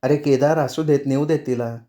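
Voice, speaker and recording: A man voicing a patient older mother who speaks softly to calm a family quarrel. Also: medium pitch, a little fast, natural voice. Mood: weary. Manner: soft, placating.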